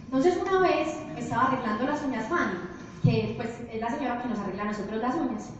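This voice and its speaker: A young woman giving a motivational business presentation, telling stories to an audience with lively animation. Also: on the high side, fast talker. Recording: echoey hall, distant, dull.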